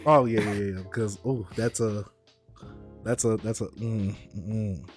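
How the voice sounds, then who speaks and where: A man hosting a live stream, chatting casually, animated and argumentative, often repeating himself. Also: on the low side, measured pace, soft background music. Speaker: streamer host.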